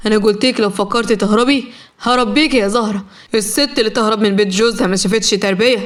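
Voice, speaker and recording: A woman's voice: medium pitch, fairly even intonation, fast talker, close to an everyday voice. A woman playing a cold, threatening husband. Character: harsh, controlling male husband and captor.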